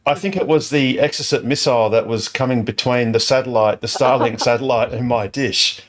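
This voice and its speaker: A man of medium pitch hosts a relaxed club chat from home over a video call. He rambles along with plenty of fillers and restarts. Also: fairly quick. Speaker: club host answering questions. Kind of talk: casual group chat. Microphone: video call over satellite internet.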